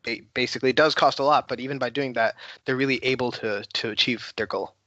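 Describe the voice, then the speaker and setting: A man's voice: medium pitch, fairly even intonation, brisk, a bit bright, dry recording. Young guy from oregon gushing about robots, keeps restarting, dry dull sound. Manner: eager, rambling with restarts. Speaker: robotics panelist. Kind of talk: casual panel chat.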